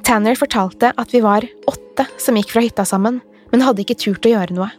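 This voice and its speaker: A woman reading a scripted first-person horror story as a podcast narrator, in a calm, measured way. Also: on the high side, soft background music.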